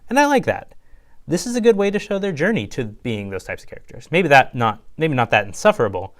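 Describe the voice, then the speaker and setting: A young man giving a casual solo review, rambling with lots of fillers and jumping up in pitch when he gets excited. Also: fairly quick. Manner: chatty, rambling, lots of fillers like "you know" and "like". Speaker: YouTube reviewer.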